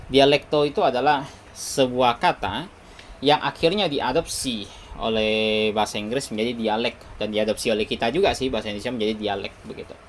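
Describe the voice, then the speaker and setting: Male preacher, Bible teaching sermon, emphatic, mid-pitched voice, faint background hiss. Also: brisk. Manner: emphatic, repeats "begitu" to close phrases.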